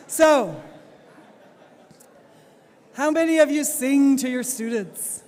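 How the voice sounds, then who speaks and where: A woman's voice: high-pitched, animated, extremely slow, darkish tone. A woman giving a plenary talk to teachers at a conference, engaging the audience with questions and laughing often. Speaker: plenary speaker, teacher trainer. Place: large conference hall. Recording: hall reverb on the voice.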